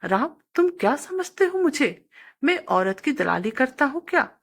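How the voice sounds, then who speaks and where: Woman putting on a proud, touchy village middleman, pitched up high, sharp and indignant, husky. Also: very animated, moderate pace, heavily acted.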